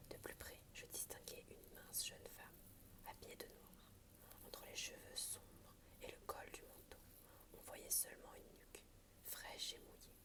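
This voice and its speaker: Whispering woman reading aloud, ASMR. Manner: soft library whisper, unvoiced. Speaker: ASMR reader.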